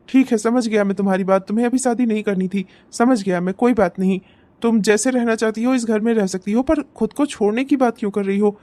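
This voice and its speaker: A woman's voice: on the high side, warm tone, no echo, natural voice. A woman voicing a young husband in a cartoon, firm and reasoning in the way he talks. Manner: stern, then reasoning. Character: young husband, bossy at first, then calm.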